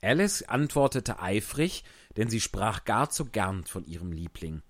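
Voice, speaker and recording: A man reading a children's story aloud in an expressive manner, adding casual asides. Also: on the low side, measured pace, no room sound, clean studio sound. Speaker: audiobook reader.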